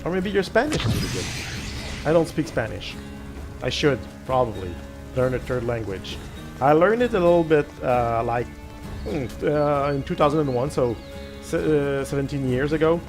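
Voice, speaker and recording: At normal speed and with lively intonation, a middle-aged French-speaking gaming host thinks aloud in a mid-range voice as he plays. He restarts often and adds little self-deprecating asides while game music plays behind him.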